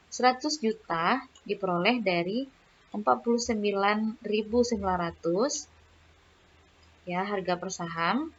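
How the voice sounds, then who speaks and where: A woman's voice: medium pitch, lo-fi sound. A woman teaching accounting in a recorded lecture, explaining step by step and often checking in with filler words and "ya". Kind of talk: recorded lecture over slides.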